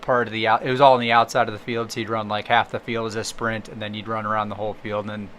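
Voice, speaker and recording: A man's voice: on the low side, flat delivery, fast talker, fairly bright tone, a little hiss or hum. A man who is a running coach, guesting on a podcast and talking modestly with frequent laughs. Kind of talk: casual podcast chat.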